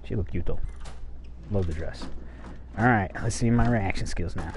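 A man's voice: sits low, normal speed, background noise. A man giving casual, muttered and sweary commentary while streaming a game playthrough. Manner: profane, muttering reactions. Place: indoor room, streaming webcam. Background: game music.

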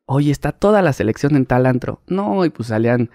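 A Mexican man in his thirties, a paparazzi guest, telling animated stories in casual interview talk, acting out the people he quotes. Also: medium pitch, a little fast, creaky, no room sound, clean studio sound. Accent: Mexican Spanish. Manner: animated, acts out quoted voices, laughs mid-story.

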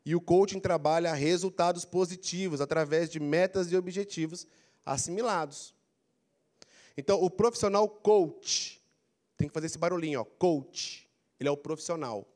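A middle-aged Brazilian man with a handheld mic, giving an animated career coaching lecture in a large auditorium, prompting the audience to repeat phrases. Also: fairly high pitch, moderate pace. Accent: Brazilian Portuguese. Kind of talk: lively motivational lecture. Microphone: handheld mic, walking the floor.

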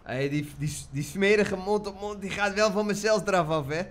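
A man's voice: high-pitched, normal speed. A man voicing his character in a game roleplay, a joking, cocky robber. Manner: joking, cocky, says grap a lot. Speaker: roleplay gamer playing a robber.

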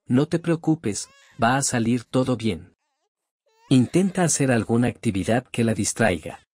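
A performer voicing a friendly male daycare teacher who talks in a calm, reassuring way. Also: medium pitch, unhurried, no room sound. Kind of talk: game role-play acting.

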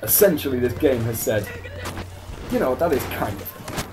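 A young man with a mid-pitched voice trades teasing banter over shooter gameplay footage. He talks in quick, joking asides. Game music plays clearly underneath him. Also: expressive. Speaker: co-host commentating gameplay.

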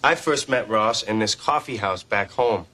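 An actor playing a simple, homesick young man giving a halting best-man toast. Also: lowish voice, a little hiss or hum. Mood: earnest. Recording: TV sitcom with loud laugh track.

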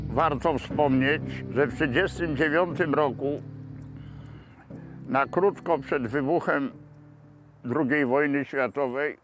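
Man in his seventies, slow deliberate delivery, slightly high pitch, unscripted reminiscence, measured pauses, outdoors. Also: music in the background, poor audio. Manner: measured, pausing explanation. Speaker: local witness recounting history. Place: outdoors in a grassy park.

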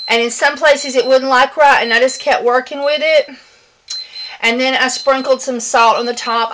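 Woman vlogger, bright and slightly high voice, chatty, rambling with fillers; home kitchen, faint hiss. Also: rough recording. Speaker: soap maker. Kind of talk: casual home vlog.

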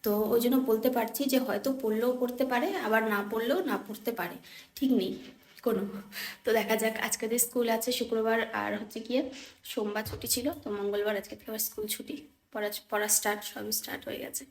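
Soft-spoken woman vlogging in a kitchen. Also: a little high, fairly even intonation, quick pace, echoey room. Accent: Bengali. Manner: speaking softly so as not to wake the household. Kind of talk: casual daily vlog. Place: home kitchen.

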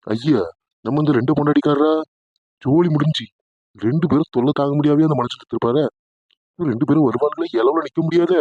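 A man's voice: fairly high pitch, fairly quick, pauses often, mellow, husky, no echo, lo-fi sound. A man voicing a blunt man. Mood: curious. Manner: blunt, curious. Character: curious village man, blunt. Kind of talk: cartoon voice acting.

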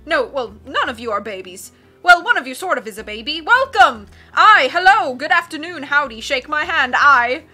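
A woman voicing a blustering, excitable male submarine captain from a storybook, roaring and constantly changing his mind. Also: sits high, soft background music, voice pushed up, exaggerated voice. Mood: excited, effusive. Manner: roaring, self-contradicting, rapid changes of mind.

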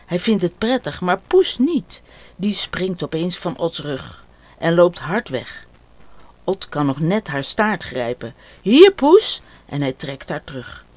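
Slow, lilting older woman storyteller. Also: lowish voice, no room sound. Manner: slow, clear and expressive reading. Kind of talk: reading a children's story aloud.

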